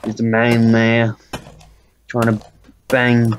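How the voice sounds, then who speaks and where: A man's voice: medium pitch, monotone, slow pace, a little hiss or hum. A man giving an improvised, mocking director's commentary, rambling with many hesitations. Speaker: video commentator.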